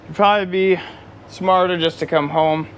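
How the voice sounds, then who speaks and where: A man's voice: on the high side, fairly even intonation, moderate pace, a little hiss or hum. A tired man vlogging outdoors beside his truck, rambling easily with lots of fillers. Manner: rambling, easygoing, with many fillers and laughs. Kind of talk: casual off-the-cuff vlog talk.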